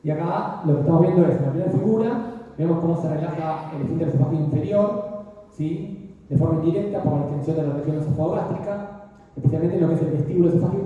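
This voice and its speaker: An older man lectures on radiology, often pausing to ask his students whether they follow. His voice is dark and mellow, and it is picked up from a distance in a very echoey room with a long reverb tail, on a dull, muffled recording. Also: a little high. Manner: explanatory, frequently checks understanding with "¿sí?".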